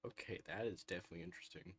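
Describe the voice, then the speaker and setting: A man with a fairly low voice streams live gameplay, heard through a headset microphone. He thinks out loud to his chat and reacts with frequent "ooh"s and small laughs. A faint hiss sits under the voice. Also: very fast.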